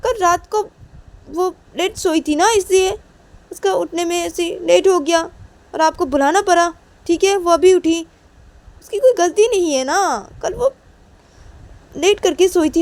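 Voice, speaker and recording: A woman's voice: mid-range voice, normal speed, pauses often, darkish tone, voice pushed up, close to an everyday voice. A woman voicing a defiant young woman who insistently repeats her warnings to her mother. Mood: shrill protest.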